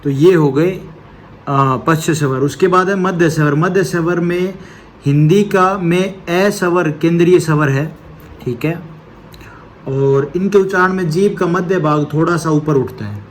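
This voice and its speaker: Fairly high-voiced male grammar teacher. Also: measured pace, a little hiss or hum. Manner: asks rhetorical questions and answers them; tags points with a checking "okay". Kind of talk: exam-prep grammar lesson.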